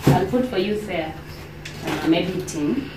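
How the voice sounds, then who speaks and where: A woman in her thirties from Kenya, with a Kenyan accent, chatting casually through her groceries with many fillers and pauses. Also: fairly low pitch, lively intonation. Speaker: vlogger. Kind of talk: casual grocery haul vlog. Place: home kitchen, indoors. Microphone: camera on the counter, a few steps away. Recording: roomy kitchen, distant camera, background hiss.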